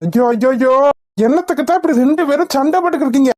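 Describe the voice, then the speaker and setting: A woman's voice: sits high, racing, very noisy, lightly acted. A woman voicing a cheeky, idle young man in a cartoon comedy, mocking his grandmother. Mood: exasperated.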